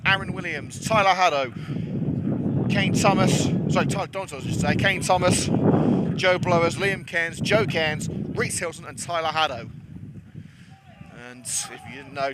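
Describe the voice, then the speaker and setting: Man, live match commentary, a bit out of breath; fairly high voice, faint crowd-ground ambience. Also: pushed and bright, a little hiss or hum. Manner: chatty, self-deprecating, with frequent fillers. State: slightly out of breath. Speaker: club football commentator.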